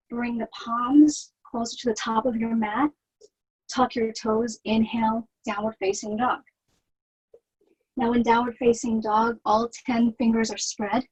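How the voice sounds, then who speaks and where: A woman teaching yoga, guiding the poses in a soothing, gentle manner with a slightly husky, breathy voice. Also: fairly high pitch, rough recording. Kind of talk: guided yoga instruction.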